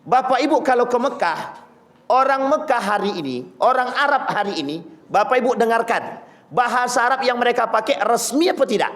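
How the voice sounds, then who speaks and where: A man with a high-pitched voice preaching before a congregation. He tells stories with animated delivery, speaks straight to his listeners and slips into the voices of the people in his tales. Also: a little fast. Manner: lively storytelling, mimicking voices of people he quotes; addresses audience directly as Bapak Ibu. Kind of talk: sermon.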